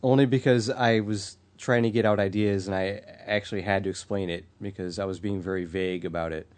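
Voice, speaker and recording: A man's voice: on the low side, fairly even intonation, brisk, a little mellow. A man co-hosting a podcast in casual chat, hesitant with fillers and dry jokes. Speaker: podcast co-host.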